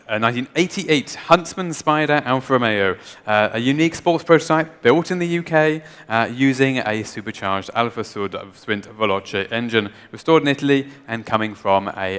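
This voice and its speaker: A man's voice: mid-range voice, fairly quick, few pauses, fairly bright tone, smooth, big-room sound. A man introducing auction lots in a live, hesitant presentation. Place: auction room.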